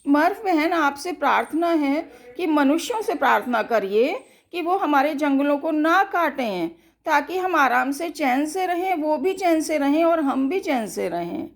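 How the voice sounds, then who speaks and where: A woman's voice: high voice, animated, a little slow, gravelly, pitched above the performer's own voice, full character voice. A woman voicing a jungle animal that pleads earnestly, in a children's story. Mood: pleading.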